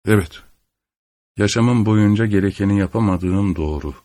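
A man's voice: fairly low pitch, normal speed, warm tone, lightly acted. A man reading aloud and voicing a dying middle-aged man who is bitter and frightened, speaking in abrupt, anguished outbursts. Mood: resigned.

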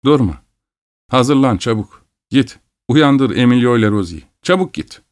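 A man's voice: mid-range voice, moderate pace, mellow, no room sound, studio quality, pitched above the performer's own voice, lightly acted. A man voicing a stern, anxious middle-aged mother in an audiobook, giving urgent commands. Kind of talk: audiobook reading.

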